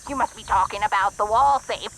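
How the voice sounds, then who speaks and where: A woman's voice: mid-range voice, fairly quick, slight background noise, poor audio. An actress voicing a spunky, chatty old woman in a video game. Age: older. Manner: lively, reminiscing, a little fussy. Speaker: game character.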